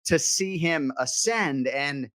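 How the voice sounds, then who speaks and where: A man co-hosting a sports podcast, joking and teasing in quick casual banter. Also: fairly high pitch, expressive, fairly bright tone, dry recording. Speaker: podcast co-host.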